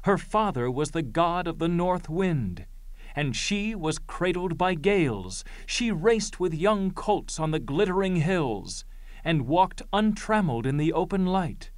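A grave elder of the Greek chorus, acted by a man declaims tragic verse slowly and solemnly. The voice is measured, in a close, dry recording. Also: on the high side, lively intonation, dry recording. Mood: solemn lament. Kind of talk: classical Greek tragedy verse recital.

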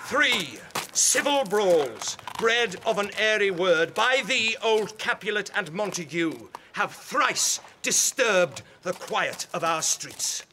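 A man's voice: high-pitched, big pitch swings, takes it slowly, noisy background, full character voice. An actor playing a stern, commanding male prince who proclaims his judgment in Shakespearean stage acting.

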